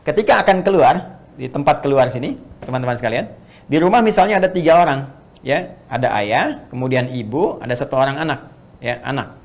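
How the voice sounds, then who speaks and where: A man teaching how to read Arabic letters in a Quran reading lesson. He explains step by step, demonstrates the letter sounds aloud and often checks with his listeners, getting louder and livelier when he gives an example. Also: mid-range voice, animated, a little fast. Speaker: Islamic teacher.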